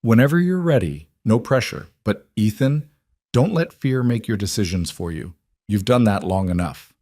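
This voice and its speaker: Gentle coaxing older mother read by a male narrator, slightly raised pitch, dry close sound. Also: animated, moderate pace, no echo. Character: warm, wise older mother, gently persistent.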